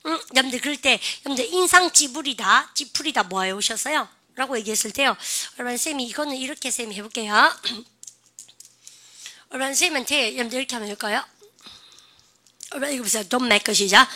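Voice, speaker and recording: A woman English teacher giving a lively classroom lecture, calling on the class again and again and drilling phrases aloud. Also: a little high.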